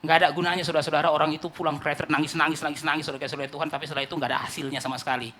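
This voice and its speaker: Fast, bright-voiced preacher man. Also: a little high, flat delivery, a little hiss or hum. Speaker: pastor. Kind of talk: sermon.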